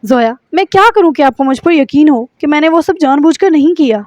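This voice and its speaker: A woman's voice: sits high, animated, a little mellow, no room sound, voice pushed up. A woman reading a novel aloud, voicing a young man who pleads earnestly and then turns curt. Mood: pleading.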